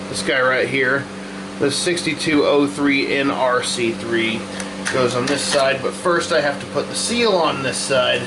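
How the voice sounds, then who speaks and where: A man giving casual, folksy how-to commentary, talking himself through each step as he works in a shop. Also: fairly high pitch. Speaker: host of a hands-on repair video. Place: hot workshop with a fan running. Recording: constant fan and hum noise behind voice. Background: running fan, steady hum.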